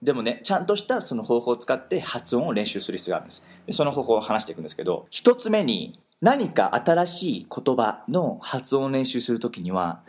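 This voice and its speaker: A man hosting a talk, explaining pronunciation in an animated way and slowing down on key words for emphasis. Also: mid-range voice, husky. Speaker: host teaching pronunciation. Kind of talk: explanatory chat.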